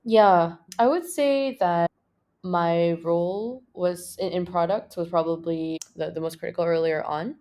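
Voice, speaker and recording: Speaking unhurriedly at a fairly low pitch, a young Malaysian startup co-founder chats as an interview guest. She stays relaxed, often restarting sentences and filling pauses.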